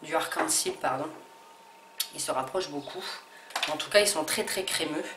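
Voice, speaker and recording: Low-voiced woman, hesitant haul vlog. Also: moderate pace, noisy background. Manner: hesitant, many fillers and restarts. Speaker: beauty vlogger. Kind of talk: casual haul video. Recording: echoey room with faint ambience.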